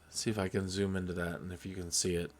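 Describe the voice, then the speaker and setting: A man's voice: low voice, little pitch movement, quick pace. A man hosting a flight simulator tutorial, talking in a casual, rambling, jokey and folksy way.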